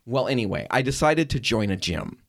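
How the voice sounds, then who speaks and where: A middle-aged man hosting a radio show, chatting casually and telling a story in an animated way. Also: medium pitch, a little fast, no echo, clean studio sound. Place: radio studio.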